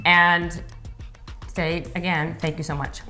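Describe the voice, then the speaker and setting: Woman, cooking-show host, chatty, repeats herself, lowish voice. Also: level tone, slow pace, sharp tone, soft background music. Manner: chatty, repeats words while searching for them. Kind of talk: casual cooking chat.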